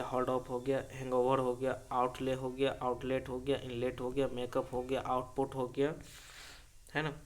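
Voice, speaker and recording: A man teaching grammar in a classroom lesson, drilling each point with repeated questions and answers, and reading English sentences slowly. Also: mid-range voice.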